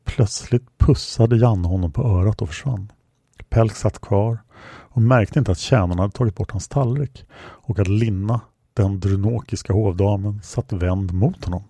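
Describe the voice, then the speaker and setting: Low, mellow-voiced male narrator. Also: slightly rough, dry recording. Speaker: audiobook narrator. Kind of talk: scripted narration.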